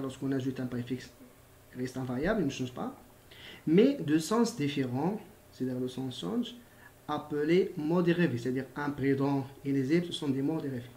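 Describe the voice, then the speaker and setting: Recorded in an echoey room with slight background noise, a male primary school teacher gives a grammar lesson in a mid-range, slightly mellow voice. He patiently repeats himself, spells letters aloud and pads pauses with hesitations.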